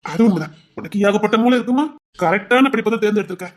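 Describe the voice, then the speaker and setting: Brief: man playing a rapid-talking, easygoing Tirunelveli farmer who teases casually. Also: high voice, lightly acted. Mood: teasing. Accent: Tirunelveli Tamil. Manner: teasing, relaxed, content. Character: easygoing young male village farmer. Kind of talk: dramatized storytelling.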